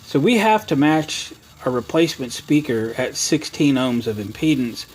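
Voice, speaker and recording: Very animated, with a medium pitch and a darkish tone, an American man talks at normal speed while hosting a how-to repair video. He's casual and folksy, thinking out loud as he shows each step. Audio quality is poor, and background noise is clearly audible.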